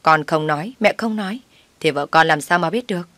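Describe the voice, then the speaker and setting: A woman's voice: low voice, fast, fairly bright tone, no echo. A woman voicing a meddling older mother-in-law who scolds and pushes in a told story. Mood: persuading. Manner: scolding, pushy.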